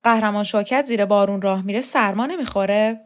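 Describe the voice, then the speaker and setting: A woman's voice: mid-range voice, natural voice. A woman reader voicing a commanding woman official who questions people in a cool, mocking way. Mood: probing.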